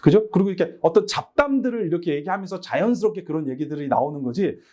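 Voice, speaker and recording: A middle-aged man, a pastor giving a lively training talk to Sunday school teachers and acting out phone calls with children. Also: sits high, fast. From Busan, South Korea. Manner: animated, acts out both sides of dialogues with children. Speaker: pastor leading a teacher workshop. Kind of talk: lively church training lecture.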